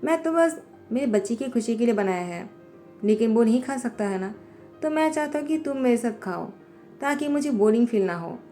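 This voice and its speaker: A cold young male company president schemes and snaps out orders, as a woman narrator reads his lines. The voice sits fairly high, with a soft, mellow tone. Quiet music plays under the storybook reading. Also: lively intonation, normal speed, lightly acted. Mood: scheming. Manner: curt, bossy.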